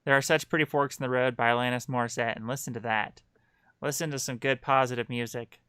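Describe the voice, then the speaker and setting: A man co-hosting a casual livestream chat, talking in an upbeat, emphatic, animated way. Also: medium pitch, fast talker, smooth, dry recording, studio quality. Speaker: co-host.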